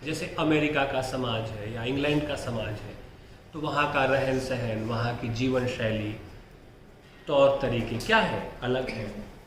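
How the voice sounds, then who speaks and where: A man's voice: mid-range voice, unhurried, reverberant, a little hiss or hum. A man teaching Hindi exam prep, who asks rhetorical questions, answers them himself and keeps checking in with his students.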